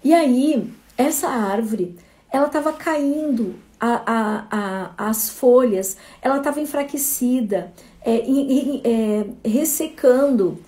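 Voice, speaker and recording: A woman's voice: on the high side, takes it slowly, mellow. A woman, a motivational speaker telling a parable in a conversational way. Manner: conversational, addresses listeners as "gente".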